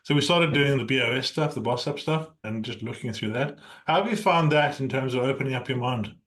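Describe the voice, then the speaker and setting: Male interview host, business coach type, emphatic and encouraging, mid pitch. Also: fairly quick, fairly bright tone. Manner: encouraging, emphatic, asks rhetorical "right?". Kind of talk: conversational interview.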